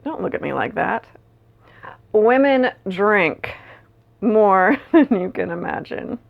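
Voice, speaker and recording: A woman playing a weary, lovelorn young woman in a searching, halting dramatic stage monologue, with a creaky voice. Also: medium pitch, animated, highs cut off. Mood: wry, tipsy. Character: Masha, lovelorn weary young woman drinking away heartache.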